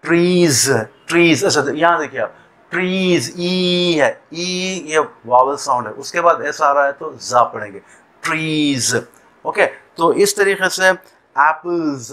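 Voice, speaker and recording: A man teaching an English pronunciation lesson, slowly repeating and stretching example words as he explains them. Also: mid-range voice, a bit bright.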